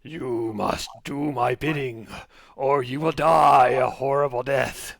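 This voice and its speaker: Menacing she-demon for a tabletop game, played by a man: slow, commanding delivery. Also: mid-range voice, fairly even intonation, creaky, dry recording, studio quality. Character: menacing female demon in a crystal ball.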